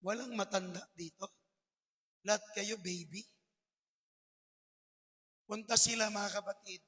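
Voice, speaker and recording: A man's voice: sits high, fairly even intonation, a little slow, bright, forceful tone, slightly rough. A man from the Philippines preaching a sermon as pastor, telling a story and often calling the church brothers and sisters while mixing in English words. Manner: mixes English words into his talk. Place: church sanctuary. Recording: long church hall reverb.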